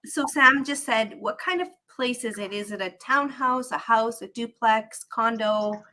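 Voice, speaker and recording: A woman's voice: fairly high pitch, unhurried, sharp tone. A woman hosting a live investing stream over a video call, upbeat and chatty, with a slightly scratchy throat. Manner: upbeat, chatty, repeats herself. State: throat irritated, candy in mouth. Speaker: host of a live real-estate investing show. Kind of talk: live-stream host chat.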